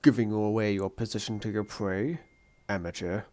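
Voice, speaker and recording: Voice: mid-range voice, steady tone, moderate pace, dark tone, natural voice. A performer voicing a pompous, menacing male supervillain hunter in a comic dub, speaking in a grandiose, formal, haughty way. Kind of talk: theatrical comic-book villain dub.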